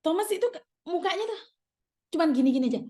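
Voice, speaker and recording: Seorang wanita paruh baya berlogat Jawa yang tegas dan berulang-ulang menasihati penontonnya dalam vlog. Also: female voice, extremely high pitch, expressive, fast, warm tone. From Indonesia. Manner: firm, repetitive, emphatic. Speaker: channel host giving advice to migrant workers. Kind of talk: scolding monologue to viewers.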